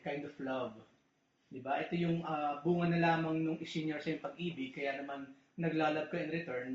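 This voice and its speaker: A man preaching a casual, joking sermon in a church, often asking his listeners "di ba?". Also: on the high side. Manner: chatty, joking, asks "di ba?" often. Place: church hall. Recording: echoey, muffled church recording.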